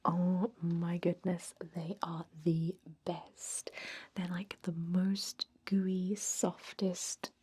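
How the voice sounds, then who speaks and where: A woman voices a kind vampire interviewing a recruit in an ASMR roleplay, her breathy whisper soft, dark and mellow. The lowish voice is exaggerated yet flat and very slow, with a dreamy, delighted mood, as she chats gently and encouragingly like an ageless immortal calming a newcomer.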